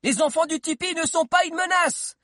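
A man voicing an exhausted soot-covered boy who shouts news of peace in a very high, strained child voice. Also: normal speed, no echo, clean studio sound. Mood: triumphant.

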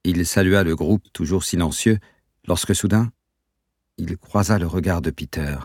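A man reads a novel aloud in a measured, even narration. His voice is extremely deep with a husky edge. The recording is dry and close. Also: no room sound. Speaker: audiobook narrator. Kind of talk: scripted narration.

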